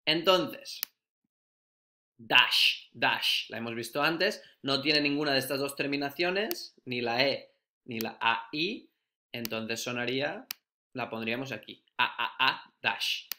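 A male primary school teacher giving a phonics lesson, slowly sounding out and repeating letter sounds. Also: mid-range voice, expressive, sharp tone, a little hiss or hum.

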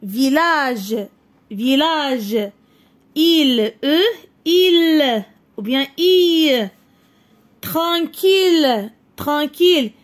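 A Moroccan woman who teaches French at a primary school gives a reading lesson, sounding out French syllables one at a time for young pupils and explaining in Arabic. Her voice is high and animated, and she speaks extremely slowly.

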